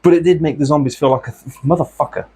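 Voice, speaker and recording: A man, host of an art channel, chatting casually and meandering from thought to thought while he works, often clearing his throat. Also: on the high side, fairly even intonation, rapid-fire, darkish tone.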